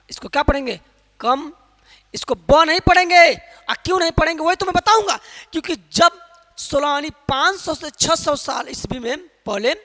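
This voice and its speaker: High-voiced man teaching in an echoey hall. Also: bright, forceful tone. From Uttar Pradesh, India. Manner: drills students with repeated questions; calls listeners "my brother". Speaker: English teacher. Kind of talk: spoken-English lesson. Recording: long hall reverb.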